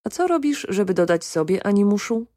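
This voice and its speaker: A woman's voice: medium pitch, big pitch swings, brisk, mellow, dry recording, studio quality, lightly acted. A woman reading a restless, teasing young woman.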